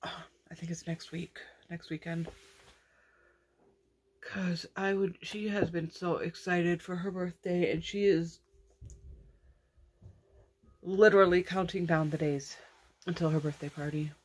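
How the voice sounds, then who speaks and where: A woman's voice: lowish voice, fairly even intonation, measured pace, pauses often, husky. A young woman casually chatting about her crochet projects and family, rambling with frequent restarts. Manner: rambling, restarts often, yawning. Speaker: crochet vlogger. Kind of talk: casual chat.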